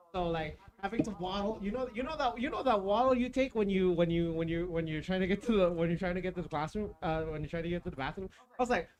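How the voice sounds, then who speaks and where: A man's voice: a little high, a little mellow. A man hosting a casual podcast stream, rambling through stories with many restarts. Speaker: podcast host. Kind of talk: casual chat.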